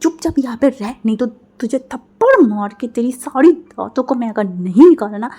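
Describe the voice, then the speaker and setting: A furious young man barks threats and orders in a storybook reading, as a woman puts him on. The voice stays fairly high, mellow and breathy, with no real disguise. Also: unhurried. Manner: harsh threats, loud commands.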